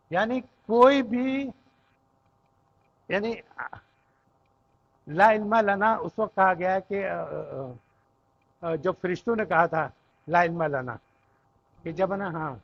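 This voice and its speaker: High-voiced man teaching grammar, lo-fi. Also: creaky. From Pakistan. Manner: explains patiently, often checks with "theek hai?". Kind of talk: classroom lecture.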